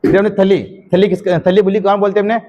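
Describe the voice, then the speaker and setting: A man's voice: sits high, flat delivery, quick pace, muffled recording. Man teaching with repeated questions. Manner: repetitive, quizzing students with questions and answering them. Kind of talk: classroom lecture dictating notes.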